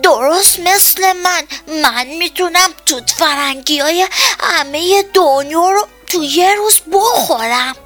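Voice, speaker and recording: A greedy little kitten from a children's storybook, boasting slowly as if his mouth were stuffed with fruit. His voice is pitched very high. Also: sharp tone, soft background music. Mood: boastful. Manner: boastful, slow, mumbled.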